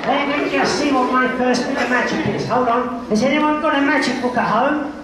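A man's voice: very high-pitched, steady tone, fairly quick. A middle-aged man working as a kids' party magician, giving playful patter and prompting children to answer and follow along. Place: large indoor reception hall with seated children and guests. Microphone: headset mic through speakers, picked up by distant camera. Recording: echoey hall, far off, very noisy crowd. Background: loud chatter of children and crowd.

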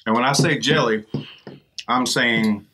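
A man's voice: medium pitch, unhurried, bright, forceful tone, slight background noise. A middle-aged man chatting casually and teasingly as the host of a video. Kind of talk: casual chat. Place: inside a fast-food restaurant, seated at a table.

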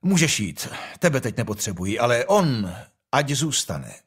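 A man's voice: mid-range voice, very animated, husky. A man voicing a young, imperious and impatient king in an audiobook, speaking in a commanding, brusque way.

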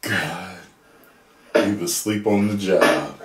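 A man's voice: deep voice, takes it slowly, echoey room. A middle-aged man hosting a reaction video with casual commentary, recorded in a room at home.

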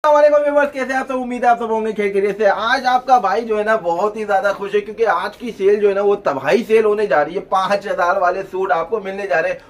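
A man, a clothing shop owner giving an energetic, hard-selling pitch in his small shop. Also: fast, hardly any pauses, faint music behind. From Pakistan. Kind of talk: sales pitch vlog.

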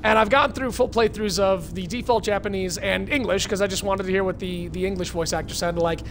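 A man commenting on a game as he streams it, chatty and joking and full of quick asides. His voice sits fairly high. A faint background noise runs under it. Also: steady tone, creaky. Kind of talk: casual gameplay commentary.

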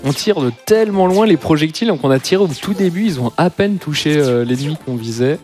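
A man's voice: a little high, lively intonation, brisk, darkish tone, faint music behind. A man commentating a live speedrun, explaining the game's rules with dry jokes.

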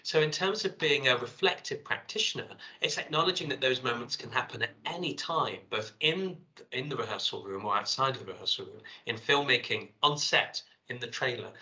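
A man's voice: mid-range voice, expressive, moderate pace, hardly any pauses, sharp tone, rough recording. A middle-aged man giving a seminar presentation, talking through his slides and reading his field notes aloud. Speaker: lecturer.

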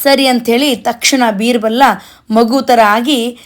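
Woman narrator for a kids' bedtime story; slow, fairly high, warmly chatty to listeners. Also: fairly even intonation. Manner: chatty, addresses listeners directly. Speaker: children's storyteller.

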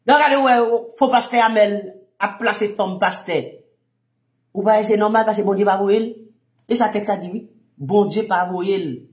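A man with a Haitian accent, a minister teaching in an impassioned sermon, firing rhetorical questions and swinging from low murmurs to shouts. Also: normal speed, roomy sound.

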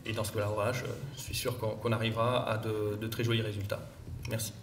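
A man's voice: lowish voice, level tone, quick pace, very noisy. Hesitant man with a troubled voice, echoey room. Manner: hesitant, many fillers and restarts. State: troubled, throat-clearing voice. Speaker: director presenting at a conference. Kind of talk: conference talk and Q&A answers. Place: large conference room. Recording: echoey room, distant mic.

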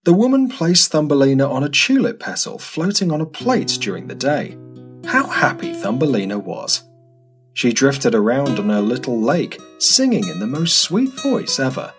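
Guy narrating a kids fairy tale, bouncy pitch, guitar music behind. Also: moderate pace. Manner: expressive, sing-song. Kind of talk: scripted storybook narration.

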